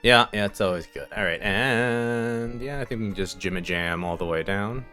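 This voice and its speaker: A man with a fairly low, bright, forceful voice hosts a casual let's play at a moderate pace, faint music in the background. He rambles through his gameplay commentary, full of fillers and chuckles.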